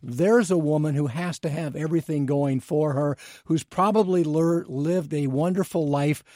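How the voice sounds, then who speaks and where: A man co-hosts a radio talk show, his voice sitting a little high yet soft and mellow. The sound is dry and close, and he introduces his guest with eager enthusiasm. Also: moderate pace, dry recording. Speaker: radio co-host.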